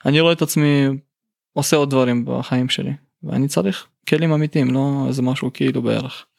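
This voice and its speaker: A man's voice: mid-range voice, fairly even intonation, creaky, darkish tone, no room sound, studio quality. A man from Russia with a Russian accent, talking candidly and colloquially in a casual interview as a musician guest. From St Petersburg, Russia.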